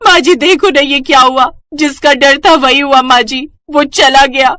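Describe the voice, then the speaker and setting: Young daughter-in-law, naive and melodramatic, higher pleading voice, voiced by a woman. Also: moderate pace, a bit bright, dry recording, lightly acted. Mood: wailing.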